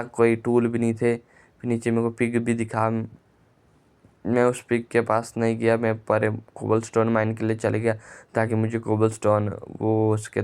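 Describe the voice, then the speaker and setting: A man's voice: mid-range voice, clear, resonant tone. Chatty young man narrating gameplay. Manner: chatty, self-mocking, hurried storytelling. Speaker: gaming YouTuber. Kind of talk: casual gameplay commentary.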